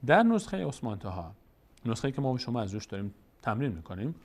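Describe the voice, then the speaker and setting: A man's voice: medium pitch, very animated. A man with a Tajik accent teaching Quran reading rules step by step, patient and explanatory, sounding out syllables and repeating key points. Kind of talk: step-by-step tutorial.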